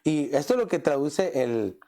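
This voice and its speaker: His voice is high, sing-song, and mellow, moving at a moderate pace. As a pastor delivering a conversational sermon, he regularly poses rhetorical questions and tags on "¿verdad?".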